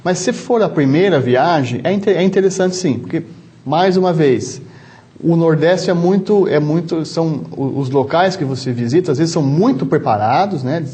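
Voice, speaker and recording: A man with a São Paulo interior Brazilian accent answers interview questions as a doctor, careful and explanatory, often restarting his sentences. His voice sits a little high and sounds warm and mellow. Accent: São Paulo interior Brazilian Portuguese. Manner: measured, explanatory, many restarts and "né". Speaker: travel medicine doctor, guest.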